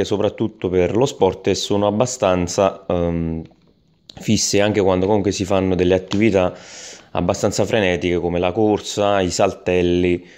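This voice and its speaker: Male gadget reviewer, deep register, halting delivery full of "eh" and restarts. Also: darkish tone. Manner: hesitant, many fillers and restarts. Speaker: tech product reviewer. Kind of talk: unscripted product review voice-over.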